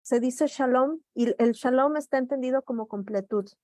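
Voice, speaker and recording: A woman with a fairly high voice hosts a thoughtful conversation, agreeing and adding her own points. Her voice is recorded dry and close, with no room sound. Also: normal speed, darkish tone, no room sound. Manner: engaged, affirming, adds to points. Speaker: host. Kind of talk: conversational discussion.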